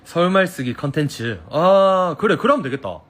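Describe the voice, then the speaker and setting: Husky-voiced man with a Gyeongsang accent. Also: a little high, lively intonation, normal speed, a bit bright. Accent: Gyeongsang Korean. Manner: playful, laughs often, teasing. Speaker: live-stream host. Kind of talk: casual live-stream chat reading comments. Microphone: phone.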